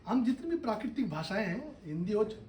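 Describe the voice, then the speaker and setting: A man's voice: sits high, very animated, a little fast, a little mellow, a little hiss or hum. A man, a university professor, giving a lecture and explaining ideas with everyday examples, often checking in with his listeners. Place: lecture hall. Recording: echoey hall, voice from a distance.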